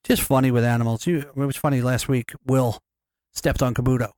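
This podcast co-host speaks at a medium pitch with fairly even intonation and a darkish tone, talking a little fast. His casual chat wanders, full of profanity and restarted sentences, in clean studio sound without echo.

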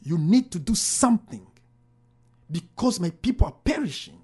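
A man's voice: high-pitched, big pitch swings, moderate pace, darkish tone, breathy edge, pitched above the performer's own voice, exaggerated voice. A man quoting God as a solemn, commanding voice while recounting a vision. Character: God speaking, commanding and stern, male.

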